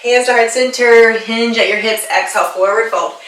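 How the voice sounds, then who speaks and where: A woman's voice: a little high, steady tone, normal speed, a bit bright. A woman leading a yoga class as instructor and personal trainer, upbeat and playful, laughing often and a little out of breath as she moves with the class. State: slightly out of breath from exercising. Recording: echoey room, voice a bit far from the mic.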